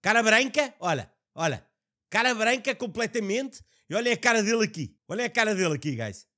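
A young man with a European Portuguese accent, excitedly commenting on a clip he is reacting to, swearing and laughing. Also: sits high, fairly quick.

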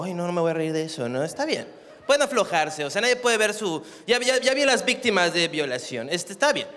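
A Mexican man from Acapulco with a Mexican accent, doing a dark, deadpan stand-up set before a live crowd. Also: high-pitched, long reverb tail. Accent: Mexican Spanish, non-coastal. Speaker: stand-up comedian. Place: comedy stage before a live audience.

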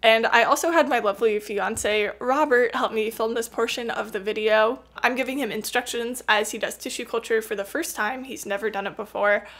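Young woman host with a higher voice. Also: fairly even intonation, normal speed, hardly any pauses, fairly bright tone. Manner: friendly, patient instructions with frequent small laughs. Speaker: channel host teaching plant tissue culture. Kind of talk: casual instructional voice-over and live coaching.

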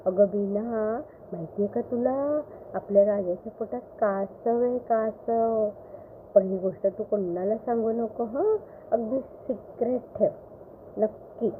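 A woman voicing an anxious, curious young village wife who keeps pleading and getting excited. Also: a little high, slow pace. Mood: whispering. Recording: phone-like line with faint hiss.

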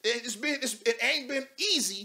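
A man in his thirties hosting a live political call-in show from a studio desk, talking loud and animated with casual slang and cursing. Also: very high-pitched, normal speed. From United States. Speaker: talk show host.

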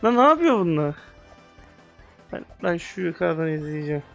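A young man giving casual, excitable commentary on a VR game, slangy, with loud outbursts, sometimes speaking English. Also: on the high side, normal speed, gravelly, faint music behind. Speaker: gaming youtuber.

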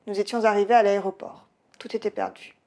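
A woman author reading her own novel aloud in a lively storytelling way. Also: medium pitch, brisk, a little hiss or hum. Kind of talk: audiobook reading.

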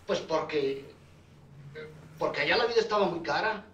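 An actor playing a curt, evasive husband in a comedy film. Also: male voice, fairly high pitch, animated, normal speed, fairly bright tone, reverberant, recorded from a distance. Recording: dull, faintly hissy old film soundtrack.

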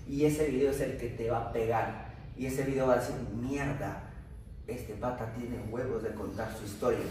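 A man's voice: mid-range voice, steady tone, moderate pace, a little mellow. Emphatic man coaching a group. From Peru. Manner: emphatic, repeats questions, asks sí o no. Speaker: motivational coach. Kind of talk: motivational talk to a group during workout. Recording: echoey room, far from mic, faint noise.

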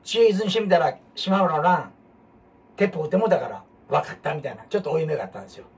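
A man with a Kansai accent, hosting a casual history talk as an animated storyteller who jumps between topics and asks rhetorical questions. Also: on the high side, racing. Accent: Kansai Japanese. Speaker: host. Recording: husky voice from far off the mic.

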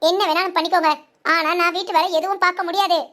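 A woman doing a defiant, sharp-tongued young wife. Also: very high voice, steady tone, fast talker. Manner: defiant, firm, talks back. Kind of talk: animated family cartoon dub.

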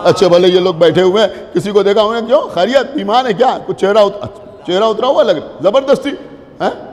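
A male cleric with a Lucknow Urdu accent, delivering an impassioned sermon to a gathering, repeating phrases and shouting rhetorical questions. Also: high-pitched, lively intonation, brisk. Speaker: Shia cleric giving a majlis. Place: religious gathering hall. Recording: long reverb of a large hall.

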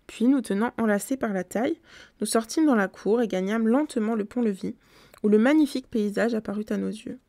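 A woman reads a nineteenth-century gothic novella aloud for her live audience, keeping a steady storytelling flow and correcting herself now and then. Her voice sits a little high, and the close microphone sounds dry. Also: a little fast, vocal fry, dry recording. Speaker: book reader on a live stream.

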